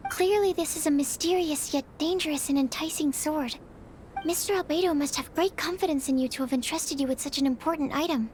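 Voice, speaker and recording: This is cutscene dialogue from a video game, with music playing under it: a woman plays an earnest, formal, polite young alchemist who stammers when flustered. She speaks in a natural, high-pitched, darkish voice at a fairly quick pace, with a little hiss or hum.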